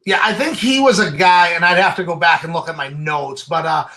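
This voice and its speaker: A man's voice: on the high side, brisk, sharp tone. A man giving opinionated, casual sports commentary as a draft analyst.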